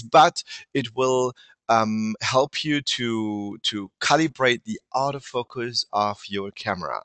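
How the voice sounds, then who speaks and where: A man's voice: medium pitch, a bit bright, dry recording. A man with a German accent hosting an online webinar, speaking hesitantly and often searching for words. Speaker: webinar host.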